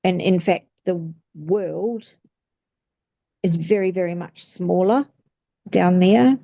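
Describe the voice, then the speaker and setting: A woman's voice: lowish voice, slow pace, vocal fry, mellow, dry recording. Rambling woman in her fifties, muffled audio. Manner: rambling, many fillers and restarts. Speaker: client getting a reading. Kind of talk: casual chat.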